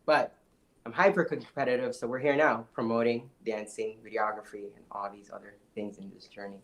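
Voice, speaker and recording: A young man from the Dominican Republic, telling his life story as a podcast guest in an energetic, emphatic way. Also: medium pitch, brisk, highs cut off. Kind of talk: casual interview storytelling.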